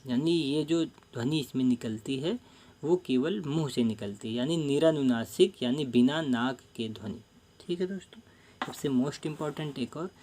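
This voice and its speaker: A man teaching a Hindi grammar lesson for exam preparation, explaining each term slowly, repeating himself and often calling the viewers friends. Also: fairly high pitch, mellow.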